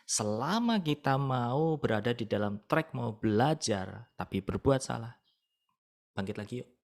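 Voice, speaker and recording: A man's voice: mid-range voice, expressive, a little slow, vocal fry. A man leading an online discipleship class, teaching casually and emphatically, with rhetorical questions.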